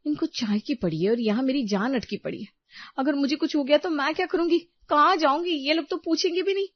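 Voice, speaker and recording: A woman's voice: high-pitched, brisk, dry recording, voice pushed up, natural voice. A woman voicing a put-upon young daughter-in-law who complains and pleads in a storybook drama. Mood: complaining. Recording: dull lo-fi recording.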